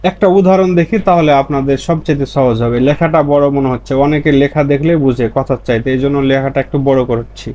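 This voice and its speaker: A man's voice: mid-range voice, fast, few pauses, warm tone, highs cut off. A man teaching a pronunciation lesson, patiently repeating examples and answering his own questions. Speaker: language teacher.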